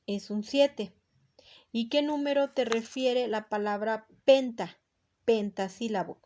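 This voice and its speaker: Mexican woman, patient teacher, fairly high voice, very slow and deliberate delivery. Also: a little mellow. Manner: slow and patient, repeating and counting syllables aloud. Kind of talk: explaining a poetry worksheet.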